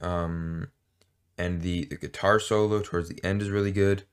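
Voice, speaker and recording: Brief: male podcast co-host, low voice, loose rambling chat, halting delivery. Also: fairly even intonation, clean tone. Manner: rambling, hesitant, jokey. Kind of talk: casual chat.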